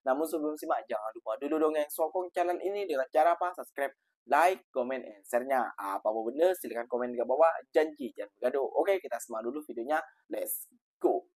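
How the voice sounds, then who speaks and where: A man's voice: mid-range voice, lively intonation, fairly quick, darkish tone, dry recording. Chatty man hosting a reaction video. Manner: chatty, says "geng" constantly. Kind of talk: casual reaction commentary.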